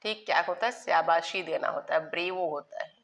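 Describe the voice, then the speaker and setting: A woman's voice: lowish voice, normal speed, a bit bright. A woman teaching a grammar lesson, spelling words out letter by letter and repeating key terms as she explains. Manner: addresses students as children, asks and answers own questions.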